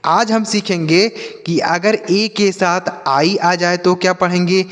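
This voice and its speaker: A man's voice: high-pitched, steady tone, fairly bright tone, big-room sound. A man teaching children to read English, spelling each word letter by letter and asking questions that he answers himself. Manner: spells words letter by letter, then repeats them slowly. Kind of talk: spoken lesson for children.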